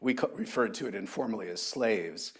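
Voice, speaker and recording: A man in his sixties, an author at a university book talk, reminiscing thoughtfully with halting restarts. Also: on the low side, animated, husky. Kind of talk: reflective anecdotal talk.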